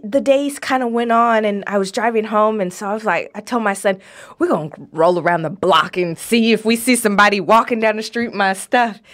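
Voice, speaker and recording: A middle-aged woman co-hosting a podcast, telling a personal story in an animated way and laughing often. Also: on the high side. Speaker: podcast co-host. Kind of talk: casual storytelling chat.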